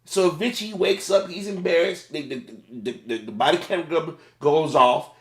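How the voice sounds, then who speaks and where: A middle-aged man, a former fast food manager, giving casual, plain-spoken commentary on a video. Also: a little high, a bit bright, echoey room.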